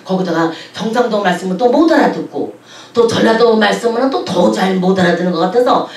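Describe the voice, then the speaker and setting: Animated woman pastor telling a story. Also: mid-range voice, a little fast. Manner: lively, chatty, laughs while telling stories. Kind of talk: sermon with storytelling. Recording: echoey hall from a distance.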